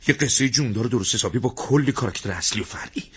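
An actor playing a grumpy, sulking husband who grumbles and then shouts in anger. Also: male voice, mid-range voice, breathy edge. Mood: furious. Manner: sullen, grumbling. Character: grumpy overweight husband, irritable and sulky.

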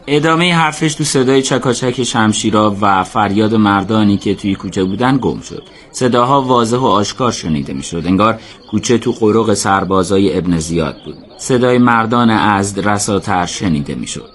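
A man narrating a radio drama in a steady, measured storytelling voice. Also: fairly low pitch.

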